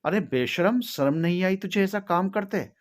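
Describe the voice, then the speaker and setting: A man's voice: mid-range voice, lively intonation, moderate pace, natural voice. A man voicing a worried older village mother who pleads and scolds. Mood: scolding.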